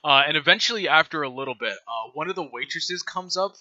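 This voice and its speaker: Bright-voiced, laughing male game master. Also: on the high side, lively intonation, fast talker, highs cut off. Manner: laughing often, loose, rambling. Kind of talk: narrating a tabletop game.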